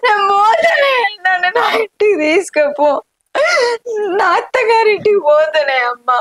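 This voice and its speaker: A woman's voice: high-pitched, moderate pace, a loud crowd, natural voice. A woman playing a sobbing young daughter. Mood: pleading tearful. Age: young adult. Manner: sobbing, pleading speech. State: crying. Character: young married daughter, tearful, pleading, defiant. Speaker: married daughter.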